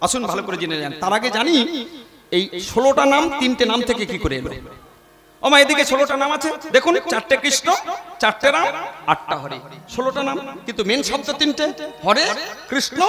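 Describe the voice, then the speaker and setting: High-voiced kirtan preacher. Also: male voice. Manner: lively, teaching with questions and answers, chuckling. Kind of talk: devotional chanting and sermon. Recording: live chanting with loud music behind.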